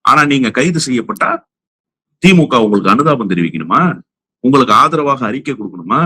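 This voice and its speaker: A man's voice: mid-range voice, pushed and bright, no echo. A man with a Tamil accent giving heated political commentary as an interview guest, combative and firing rhetorical questions.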